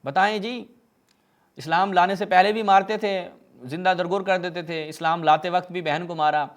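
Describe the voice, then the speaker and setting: A man's voice: high-pitched, flat delivery. A man giving a polemical religious lecture, reading narrations aloud and mocking them with sarcastic asides. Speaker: religious speaker.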